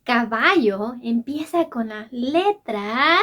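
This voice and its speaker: A woman teaching young children in an animated lesson, talking in an exaggerated sing-song way and gasping with wonder. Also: fairly high pitch, slow pace.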